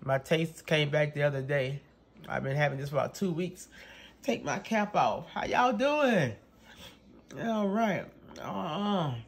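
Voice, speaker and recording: A congested man narrating a casual cooking video from his home kitchen, relaxed and chatty, talking to viewers as y'all. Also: on the high side, unhurried, vocal fry. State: congested, coughing. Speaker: home cook.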